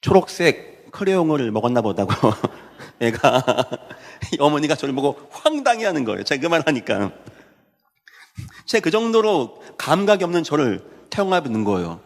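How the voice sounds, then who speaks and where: A man's voice: a little high, sing-song, normal speed, long reverb tail. A male pastor preaching a Sunday sermon, telling stories and building to fervent proclamation. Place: church sanctuary.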